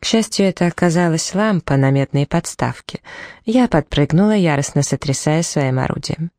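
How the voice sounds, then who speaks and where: A woman's voice: deep voice, expressive, moderate pace, dark tone, no echo. A woman reading a novel aloud in the first person, dramatically, acting out the dialogue as she tells it. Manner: dramatic, voicing dialogue in the telling. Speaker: audiobook reader.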